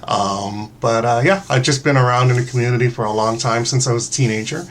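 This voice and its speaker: A man's voice: mid-range voice, brisk. Guy guesting on a podcast, bit hesitant and modest, lots of uhs, faint noise behind. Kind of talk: casual podcast chat.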